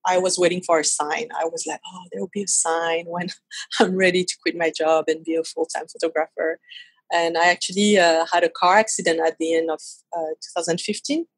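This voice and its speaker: French-accented woman, low husky voice. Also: fairly even intonation, fairly quick, no room sound, poor audio. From France. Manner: laughs easily, hesitant fillers. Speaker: guest photographer. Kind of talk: casual interview conversation.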